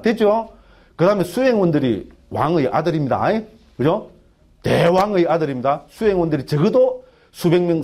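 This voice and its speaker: Animated monk lecturing in Gyeongsang dialect. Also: male voice, on the high side. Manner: keeps asking the audience for agreement, animated and colloquial. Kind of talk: lively dharma lecture. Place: temple education hall.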